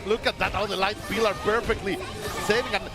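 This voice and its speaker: A man with a high voice commentates a live fighting game tournament. His phrasing is that of a non-native speaker. Loud music and a big crowd fill the space behind him. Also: steady tone, fast. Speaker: esports commentator.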